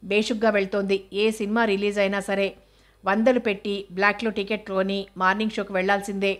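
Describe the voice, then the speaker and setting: A gentle teenage student who worries about her father's debts, as a woman reads her part. She talks softly and mildly, in an even voice with little melody. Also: mid-range voice, brisk, natural voice. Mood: worried.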